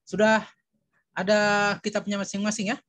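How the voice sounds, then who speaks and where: A man teaching an Arabic lesson online, reciting short phrases slowly and carefully for students to repeat. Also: high voice, level tone, fairly bright tone. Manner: slow, deliberate recitation drills.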